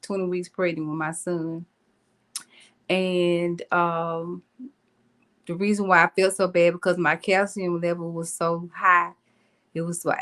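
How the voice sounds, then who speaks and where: A woman guest telling her story on a video call, earnest and halting with many pauses. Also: fairly low pitch, fairly bright tone. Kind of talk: personal story on a podcast.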